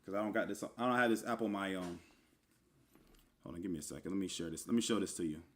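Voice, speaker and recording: A man's voice: sits low, fast talker. A man casually teaching the meaning of scripture words, spelling them out letter by letter and calling the listener brother. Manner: informal, addresses listener as brother, many fillers and asides. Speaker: religious teacher. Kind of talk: casual online teaching with screen share.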